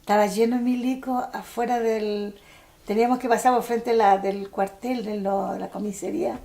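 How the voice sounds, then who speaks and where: Older Chilean woman giving halting testimony. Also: fairly high pitch, fairly even intonation, creaky, mellow. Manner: halting, with frequent restarts. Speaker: interviewee. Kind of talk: personal testimony for a documentary.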